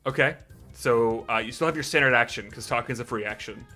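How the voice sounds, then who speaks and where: Bright-voiced, profane game master. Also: male voice, mid-range voice, fairly quick, faint music behind. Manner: brash and profane, explaining rules. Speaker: dungeon master. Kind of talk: narrating a tabletop game.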